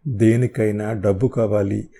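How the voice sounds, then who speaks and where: A man narrating a novel in the first person with a measured, expressive reading. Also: fairly low pitch, vocal fry, breathy edge. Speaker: audiobook narrator.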